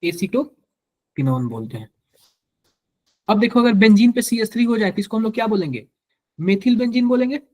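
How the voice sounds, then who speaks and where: A man's voice: very high-pitched, fast, darkish tone. A man with a Hindi accent teaching chemistry to a live class, quizzing students and repeating each answer to drill it in.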